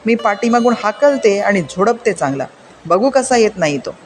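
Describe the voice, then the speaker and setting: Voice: medium pitch, big pitch swings, moderate pace, a little hiss or hum, lightly acted. A storyteller voicing a village mother who scolds and commands her son, in a storybook reading over faint music. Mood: angry scolding.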